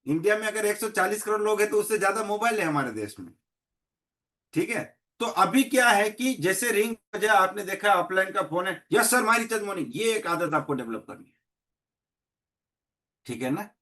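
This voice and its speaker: Animated man giving a motivational training talk. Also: sits high, normal speed. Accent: Gujarati. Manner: storytelling, acts out dialogues in many voices. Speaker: network marketing trainer. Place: meeting hall.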